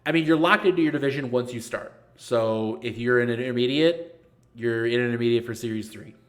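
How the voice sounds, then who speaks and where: Fielding chat questions on a casual gaming league live stream, a man in his thirties keeps his replies blunt, sarcastic and jokey. His voice is mid-range and his pace fairly quick.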